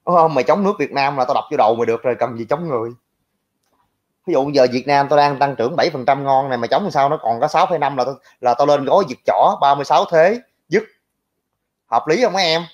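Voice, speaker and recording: A man's voice: mid-range voice, fast. A young man with a Southern Vietnamese accent who rants in reply to viewer comments, brash, crude and mocking toward his critics. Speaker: livestream commentator. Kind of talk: ranting reaction to viewer comments. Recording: lo-fi, dull audio.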